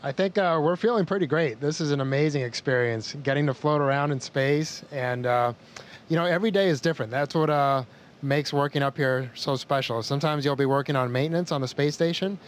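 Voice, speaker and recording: A man's voice: a little high, brisk. American male astronaut on a faintly noisy link. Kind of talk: formal space-to-ground communicator, answering interview questions. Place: inside a space station. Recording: faint noise on space-to-ground link.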